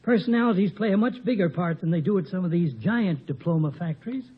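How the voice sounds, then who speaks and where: In a muffled old recording of a 1950 radio comedy, an actor plays a blunt, wry, cheerful, outspoken, tobacco-chewing professor of seventy with folksy manners. His voice is high-pitched, expressive, fast and slightly rough.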